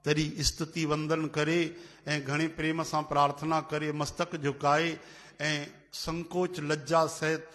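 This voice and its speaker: A man with a somewhat high voice tells devotional stories to a gathering. He is animated and acts out the people in his tales, and his voice rings with a long hall reverb. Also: takes it slowly. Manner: animated, acts out quoted voices, calls out chants. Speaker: religious storyteller. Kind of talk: devotional sermon storytelling.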